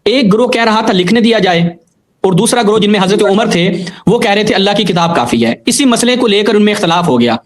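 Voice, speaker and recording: A man pressing his point in a heated religious debate, his voice sitting high. He argues insistently and keeps reciting Arabic quotations to back himself up. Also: expressive. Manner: insistent, argumentative, quotes Arabic texts. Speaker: debate guest.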